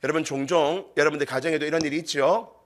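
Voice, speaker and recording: A male pastor, preaching a sermon at a youth worship service in an animated storytelling way, often questioning the congregation. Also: a little high, quick pace.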